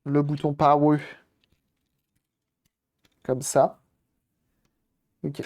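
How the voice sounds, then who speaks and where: A man's voice: fairly high pitch, level tone, drawn-out words, darkish tone. A man casually commenting on a live stream while repairing a game console, thinking aloud and greeting viewers as they arrive.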